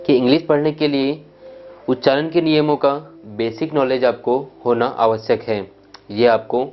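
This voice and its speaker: A man teaching spoken English in a slow explanatory lesson, going over letters and their sounds one at a time. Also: mid-range voice. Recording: dull lo-fi sound with faint music.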